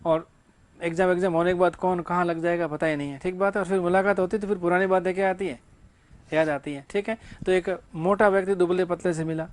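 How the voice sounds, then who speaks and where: A man's voice: high-pitched, little pitch movement, quick pace. A male English teacher giving a classroom grammar lecture, asking rhetorical questions and answering them himself, with casual joking asides.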